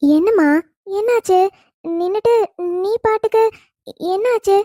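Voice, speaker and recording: A woman's voice: very high-pitched, a little slow, mellow, dry recording, clean studio sound. A woman doing a kindly older mother-in-law. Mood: coaxing. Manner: soothing, coaxing.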